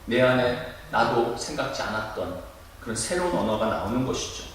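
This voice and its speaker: A male pastor preaching a sermon in a church, lively and demonstrative, acting out loud cries to make his point. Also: medium pitch, brisk, slight background noise. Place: church sanctuary. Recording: echoey room, mic at a distance.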